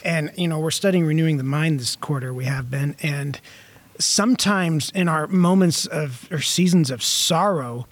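A man's voice: a little high, normal speed. A man sharing thoughts in a group Bible study, earnest and thoughtful. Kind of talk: reflective group discussion.

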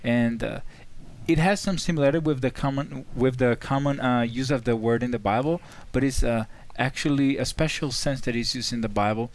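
A man's voice: mid-range voice, a little fast. Man from Brazil, hesitant panelist. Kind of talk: discussion.

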